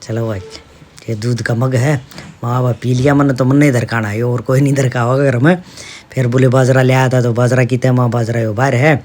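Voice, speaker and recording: A middle-aged man chats through his everyday family vlog. He keeps pointing things out to the viewer in a homely, easygoing manner. His voice sits at an ordinary middle pitch. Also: flat delivery, normal speed, darkish tone, slight background noise. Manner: chatty, homely, addresses viewers with "dekho". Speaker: vlogger, father. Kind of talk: casual vlog narration.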